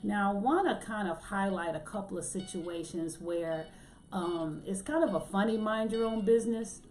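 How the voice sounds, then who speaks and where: A woman's voice: mid-range voice, normal speed, darkish tone, a little hiss or hum. Chatty woman podcast host in an echoey room. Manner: chatty and humorous, acts out quotes with a raised voice. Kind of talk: casual solo podcast talk.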